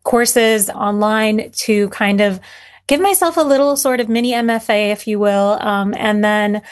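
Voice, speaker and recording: Her voice sits in the middle range and moves a little slowly. Having come to the U.S. from Syria as a child, this woman is an interview guest discussing her writing earnestly in relaxed conversation, with many fillers and false starts.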